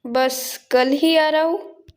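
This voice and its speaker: A woman's voice: high-pitched, fairly even intonation, takes it slowly, darkish tone, voice pushed up. A woman voicing a cheerful young man who jokes casually with an old friend. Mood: friendly. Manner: jokey, casual.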